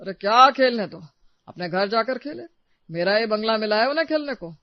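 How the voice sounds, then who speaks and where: A woman's voice: medium pitch, fairly even intonation, moderate pace, no room sound, close to an everyday voice. A woman voicing a grumpy, proud and stingy old father-in-law who scolds and dismisses everyone, in a storybook tale. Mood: scolding. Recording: dry, slightly dull recording.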